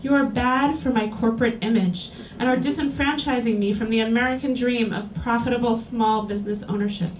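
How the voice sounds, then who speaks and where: Here a reading series host, a woman with a higher voice, gives a live erotica reading before an audience in a small lounge bar, keeping a steady tone and a clear, deliberate pace. A faint hiss or hum sits under the roomy, distant recording made from across the room.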